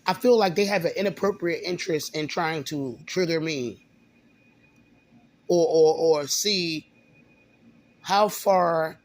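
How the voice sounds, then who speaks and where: A video blogger with a slightly high-pitched male voice speaks directly to the camera in an informal monologue. His throat sounds a bit sore, and he stumbles along, repeating words, restarting phrases, and filling gaps with lots of "um."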